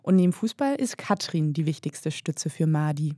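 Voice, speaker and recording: Mellow-voiced woman reporter, dry sound. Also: sits low, animated, moderate pace, dry recording. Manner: fluent, explanatory, with occasional "äh" fillers. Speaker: reporter and documentary filmmaker. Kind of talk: podcast conversation and narration.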